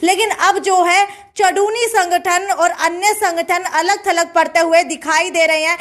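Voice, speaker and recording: A woman's voice: extremely high pitch, fairly bright tone. A woman presents local breaking news. Her delivery is semi-formal and spoken, padded with recurring stock filler phrases. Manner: repeats filler phrases between news items.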